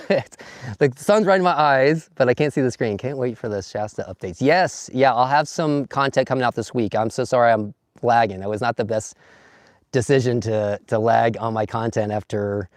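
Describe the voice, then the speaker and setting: A vlogger live-streams from his phone at a sunny outdoor campsite, chatting casually, reading comments, greeting viewers by name, and laughing easily. His slightly hoarse, mid-pitched voice moves at normal speed, and the sound is close and dry with no room echo at all.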